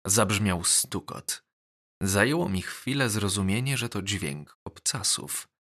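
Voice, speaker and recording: A man narrating a novel as an audiobook, measured and even. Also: lowish voice. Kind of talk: scripted narration.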